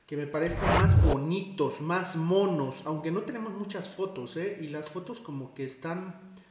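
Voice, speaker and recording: Recorded in a very echoey room with slight background noise, this Mexican man talks through a screen-recorded design tutorial, musing aloud and fixing his own mistakes. He sounds a little high and slightly mellow at a moderate pace.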